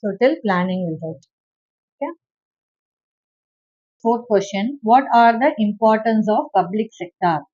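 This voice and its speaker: A woman teacher reading a textbook aloud and dictating answer points to her students, with quick asides between passages. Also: medium pitch, lively intonation, darkish tone. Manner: reads text aloud, then gives quick asides to students. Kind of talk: classroom lesson dictating notes. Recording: dull lo-fi recording.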